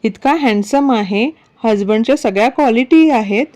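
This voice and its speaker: A woman's voice: a little high, moderate pace, close to an everyday voice. A woman voicing a teasing, stubborn young husband in a narrated story. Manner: teasing, calm. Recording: dull lo-fi recording.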